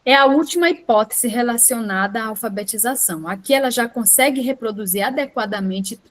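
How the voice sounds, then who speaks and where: A woman teaches an online lesson in a slightly high voice. She explains patiently and step by step, checks in often with a quick "tá?", and stops to correct herself mid-sentence. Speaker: teacher preparing students for a teaching exam.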